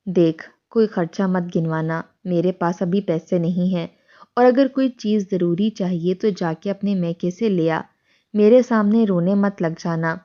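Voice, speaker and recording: A harsh, domineering husband barking rough commands, read by a woman storyteller. Low voice, dull lo-fi sound. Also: dark tone, lightly acted. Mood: angry. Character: harsh, domineering middle-aged husband, short-tempered.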